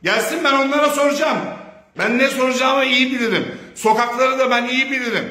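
A man giving a heated, profane, confrontational video message, sometimes breaking into shouts. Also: very high-pitched, fairly quick, echoey room. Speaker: speaker of a public video statement.

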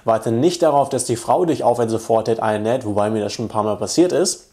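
A man's voice: mid-range voice, brisk, dark tone. A man giving dating advice as a coach in a direct, confident way. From Germany. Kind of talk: instructional video talk to camera.

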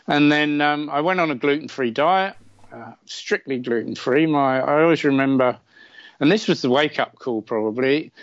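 Here a middle-aged man from England, medium in pitch, spins a lengthy personal tale as a guest on a podcast. He's chatty and leans on lots of fillers and self-deprecating jokes in this casual storytelling. The sound is lo-fi, without echo.

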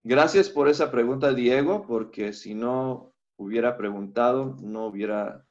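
A man teaching a live Hebrew class online, walking students through software on a shared screen and thinking aloud as he goes. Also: mid-range voice. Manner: unhurried, thinks aloud with fillers. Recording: slightly dull lo-fi audio.

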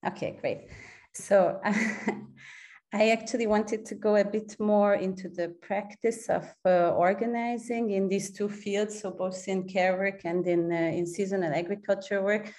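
On a video call during an online seminar, a Hungarian woman in the audience asks a long, searching question full of restarts and fillers. Her mid-range voice has a darkish tone, fairly even intonation and a measured pace.

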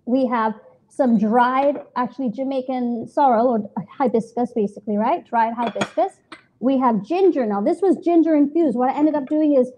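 A woman's voice: high-pitched, normal speed, dark tone. A middle-aged woman hosting a cooking show in a home kitchen, upbeat and laughing often as she explains each step. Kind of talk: casual cooking demonstration.

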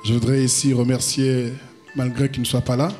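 A man in his forties from the Republic of the Congo, preaching in a church hall on a handheld mic and pausing in short phrases for his interpreter. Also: mid-range voice, flat delivery, a little mellow, soft background music. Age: 40s. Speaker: apostle, guest preacher. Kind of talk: sermon with interpreter.

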